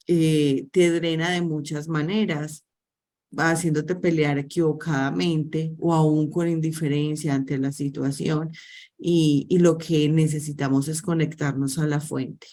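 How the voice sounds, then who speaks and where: Low-voiced woman preaching to women. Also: steady tone, takes it slowly, a little mellow. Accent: Colombian Spanish. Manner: exhorting, preacherly. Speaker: host. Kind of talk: spiritual teaching talk.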